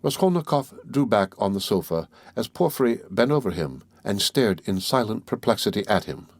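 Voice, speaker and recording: A man reading a classic novel aloud as audiobook narrator, in a measured, steady way. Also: on the low side, dry recording. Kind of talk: scripted narration.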